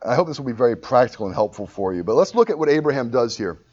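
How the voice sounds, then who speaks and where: A man's voice: mid-range voice, expressive, very fast, darkish tone, dull audio. A man preaching a sermon in a conversational, self-deprecating way, often restarting and acting out little quotes. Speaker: pastor.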